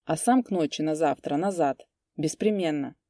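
A spiteful peasant horse thief in a storybook, speaking in a husky, clipped, sneering way, as a woman reads him. His voice sits low and mellow with a dry, close sound. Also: normal speed, dry recording. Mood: gruff. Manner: husky, curt and mocking.

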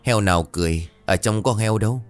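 A man's voice: fairly low pitch, fairly quick, faint music behind, lightly acted. A man voicing an anxious older rural husband in a ghost story, who calls out with a trembling voice. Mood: worried.

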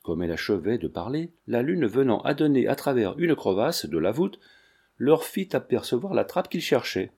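A man reading a classic novel aloud with a measured storytelling cadence. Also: medium pitch, big pitch swings, gravelly, a little mellow, slightly rough. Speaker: audiobook reader.

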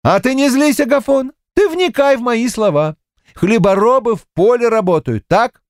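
A man's voice: very high voice, normal speed, dry recording, pitched above the performer's own voice. A man voicing a sly village accountant who teases a farmer in a dry close recording. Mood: teasing. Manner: teasing, needling.

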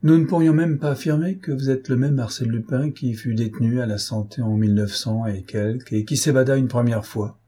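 A man reading the part of a fussy, self-important investigating judge in an audiobook, with a husky voice and insistent, exasperated questions. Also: medium pitch, brisk, few pauses, mellow, natural voice.

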